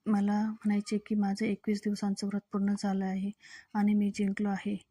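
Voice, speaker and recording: A woman reading the lines of a desperate, pleading young woman in a flat, dark voice. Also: medium pitch, moderate pace, no echo, clean studio sound, lightly acted.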